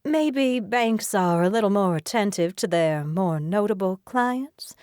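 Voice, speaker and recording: A woman's voice: medium pitch, lively intonation, measured pace, darkish tone, smooth, dry recording, studio quality, close to an everyday voice. A woman voicing a catty, rich young woman from the American South who drawls smugly with a Southern accent. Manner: drawling, smug, giggly.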